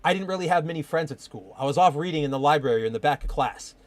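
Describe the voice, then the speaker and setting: A man's voice: on the high side, lively intonation, racing, dry recording, lightly acted. A man reading aloud the lines of a reflective older male newspaper editor from a comic, in his own plain voice.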